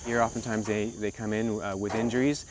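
A man in his thirties giving unscripted, halting and reflective explanations as a wildlife guide. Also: on the low side, little pitch movement, background noise. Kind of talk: unscripted talk to camera. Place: outdoors at an animal sanctuary.

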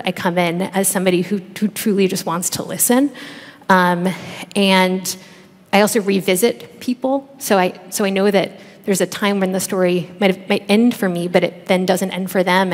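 A woman in her thirties, a researcher and author on a conference panel, answering thoughtfully with many fillers and restarts into a headset mic. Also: mid-range voice. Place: large conference stage. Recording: long reverb of a large hall.

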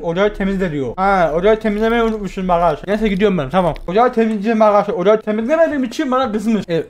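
A man commentating a horror game for his viewers, chatting to them and yelping and shouting when frightened. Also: high-pitched. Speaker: gaming YouTuber.

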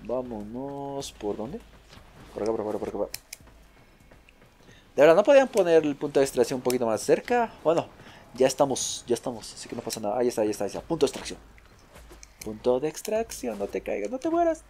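A man hosting a let's play video, commentating excitably, repeating short phrases in bursts and chatting to his viewers. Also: mid-range voice, rapid-fire, pauses often. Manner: chatty, addresses viewers as a group. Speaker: gaming video host.

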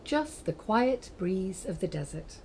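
A woman playing a calm spacecraft captain, narrating a scripted planetarium tour with a steady, measured cadence. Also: mid-range voice, a little hiss or hum. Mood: calm, guiding.

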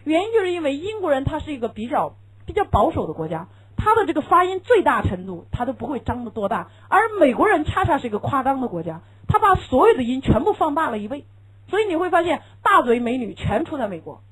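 A woman teaching English in a classroom lecture. She asks the class questions and answers them herself, and slows down to demonstrate English pronunciation. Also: high voice, very animated, poor audio.

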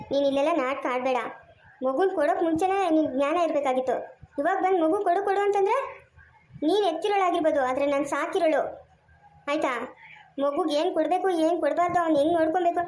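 A defiant foster mother scolds sharply and refuses to give up the child, played by a woman in a homemade family skit. Her voice is very high and her words come quickly. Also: darkish tone, roomy sound, close to an everyday voice. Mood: scolding. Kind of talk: amateur family skit acting.

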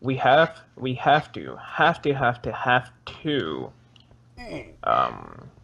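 A man's voice: medium pitch, creaky, a bit bright, dull audio. A teenage boy hosting a casual game session with a friend, chatting, joking and asking viewers for likes. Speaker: gaming channel host.

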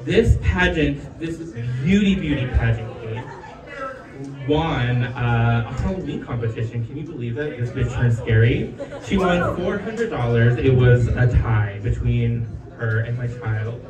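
A man's voice: medium pitch, a little slow, highs cut off. A man performing as a drag queen at a live roast, trading sassy, bitchy jokes and laughing through them. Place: nightclub stage. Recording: echoey club, far mic, loud music and crowd.

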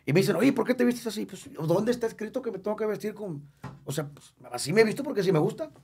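A man's voice: high voice, animated, fast, vocal fry, a little mellow, slight background noise. A Mexican singer in his fifties, a guest in a casual interview, talking candidly and emotionally, joking and repeating words for emphasis. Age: 50s.

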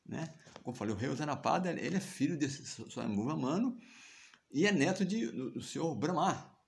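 A man's voice: fairly high pitch, lively intonation, a little fast, gravelly, a little mellow. A man with a Brazilian accent retelling a scripture story in a chatty way, often asking listeners to agree. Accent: Brazilian Portuguese. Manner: chatty, frequent tag questions and chuckles. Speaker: devotional teacher.

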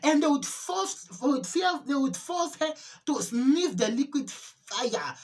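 A woman giving an emotional religious testimony, repeating herself and pleading, her voice rising into cries and halting with restarts. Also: sits high, big pitch swings. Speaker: testimony speaker.

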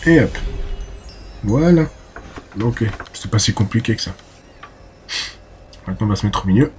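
A man's voice: lowish voice, animated, moderate pace, a little mellow, soft background music. A man giving casual let's play commentary, chatty and talking to himself, exclaiming and cursing as he fights. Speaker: gameplay commentator.

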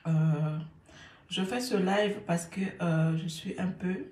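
A woman's voice: lowish voice, takes it slowly, warm tone. Repetitive woman in an echoey room. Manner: repeats words over and over, mixing French and Lingala. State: a little irritated. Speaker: live stream host. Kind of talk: casual live-stream monologue.

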